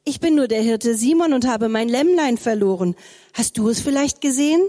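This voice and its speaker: A woman putting on a gentle eight-year-old shepherd boy in a storybook, his voice raised high and eager. Lively pitch jumps, ringing in a long church reverb. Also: moderate pace. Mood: kind. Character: kind little shepherd boy, about eight.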